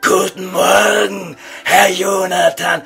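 A man playing a pompous, evasive old vampire count in a comedy audio sketch, speaking formal, ornate standard German with a gravelly voice. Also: sits high, level tone, takes it slowly, pushed and bright, faint music behind, heavily acted. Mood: courtly, evasive. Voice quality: gravelly, creaky.

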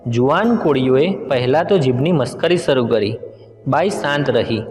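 A man's voice: fairly high pitch, a little mellow. Man telling a folk tale, echoey. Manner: dramatic storytelling with voiced exclamations. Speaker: storyteller. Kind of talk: narrated folk tale reading. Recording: echoey reverberant room with music behind.

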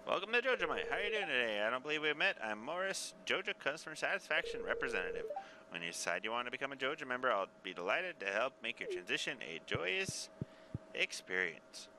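A man's voice: mid-range voice, sing-song, fast, noisy background, pitched above the performer's own voice. A man voicing a smarmy, overly polite corporate store representative, reading video game dialogue like a salesman. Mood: smarmy welcome. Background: game music.

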